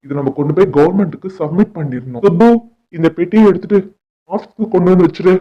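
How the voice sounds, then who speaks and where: A man's voice: sits high, fast talker, slightly rough, dull audio. Man voicing a patient cartoon officer boss. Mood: calm. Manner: instructing, patient. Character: calm male officer bird boss.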